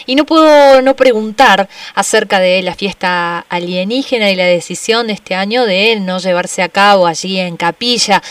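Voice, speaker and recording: A woman's voice: mid-range voice, clean tone, no room sound, far from the mic. A woman with an Argentine accent, a radio host asking questions in a friendly, chatty way. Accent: Argentine Spanish. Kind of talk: radio interview.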